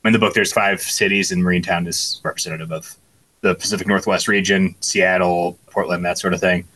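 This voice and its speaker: A man running a tabletop role-playing game as game master, explaining the setting and reading a mission brief in a relaxed way. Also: low voice, a little fast, slightly rough.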